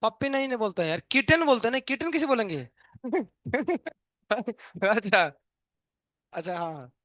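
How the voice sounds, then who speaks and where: A man's voice: high-pitched, big pitch swings, unhurried, fairly bright tone, no echo, studio quality. A male chemistry teacher, giving a live online lecture in a playful, joking way and asking students questions that he answers himself.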